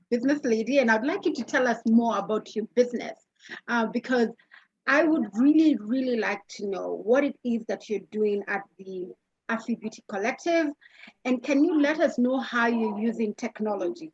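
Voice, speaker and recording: A woman's voice: on the high side, slightly rough, dry recording. A woman moderating a conference panel, enthusiastic and affirming as she introduces speakers, on dull online call audio.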